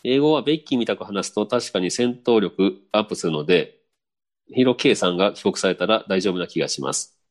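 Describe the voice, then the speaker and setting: A man with a very deep voice hosts a podcast in a relaxed, chatty way. He reads out listener mail and keeps the talk going with quick, animated speech and easy laughter. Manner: relaxed, chatty, frequent laughter and back-channel "un". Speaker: podcast host reading listener messages. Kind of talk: casual chat.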